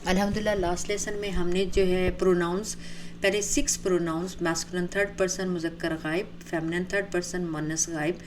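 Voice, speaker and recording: A woman's voice: lowish voice, little pitch movement, slight background noise, poor audio. Urdu-accented woman teaching grammar. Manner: drills word forms slowly and clearly; mixes English terms into her explanations. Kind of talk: online grammar lesson.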